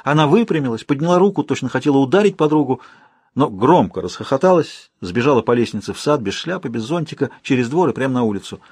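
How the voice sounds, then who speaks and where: Husky male audiobook narrator. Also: mid-range voice, dry recording. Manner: measured, expressive reading. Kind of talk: scripted literary narration.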